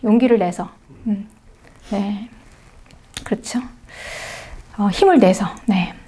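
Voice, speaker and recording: A woman's voice: mid-range voice, slow pace, warm tone, slightly rough. A middle-aged woman pastor preaching a sermon, emphatic, with frequent rhetorical questions and short affirming words to the congregation.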